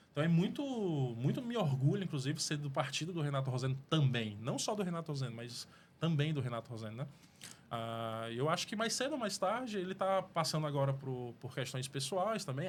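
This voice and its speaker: A man's voice: fairly high pitch, expressive, fast, a little hiss or hum. A man with a Cearense accent, a political guest in a studio interview, talking earnestly and rambling with restarts. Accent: Cearense Portuguese. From Fortaleza, Brazil. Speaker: mayoral pre-candidate guest. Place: podcast studio.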